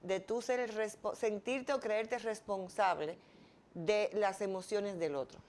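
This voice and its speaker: A woman's voice: medium pitch, a little slow, a little mellow. A woman hosting an interview, asking reflective, probing questions. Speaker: interview host. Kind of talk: conversational interview.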